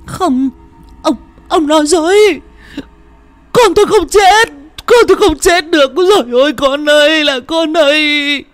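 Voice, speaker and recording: Frantic grieving mother, thirties, shrill and loud, man voicing her. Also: lively intonation, normal speed, few pauses, no room sound. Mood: wailing. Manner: wailing, sobbing, stammering.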